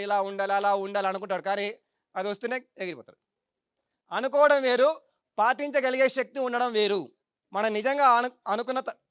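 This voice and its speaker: A woman's voice: on the high side, clean tone, dry recording, clean studio sound. A middle-aged woman meditation teacher giving a spiritual talk to a live audience, emphatic and full of rhetorical questions.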